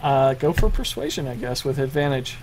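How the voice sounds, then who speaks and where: A male game master narrates his tabletop role-playing session expressively but haltingly, restarting often and leaning on fillers. His medium-pitched voice is a little mellow, with a touch of hiss or hum.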